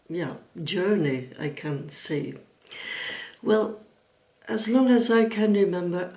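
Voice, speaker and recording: A middle-aged Flemish woman from Belgium, a native Dutch speaker, hosts a casual YouTube sewing and knitting vlog, talking to camera in careful English with frequent ums. Her voice is on the low side and a little mellow. The recording has a roomy echo, picked up from some distance.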